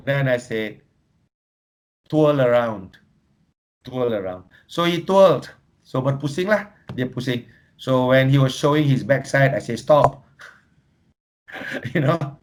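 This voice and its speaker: A man with a Malaysian English accent presenting a workshop, telling humorous anecdotes and slipping in Malay phrases. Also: a little high. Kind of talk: lively teaching talk.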